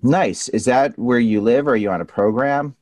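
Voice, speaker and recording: A man's voice: mid-range voice, moderate pace, darkish tone, dry recording. A middle-aged man hosting a video-call interview, enthusiastic and upbeat as he greets and questions his guests. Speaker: host. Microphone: studio mic on arm.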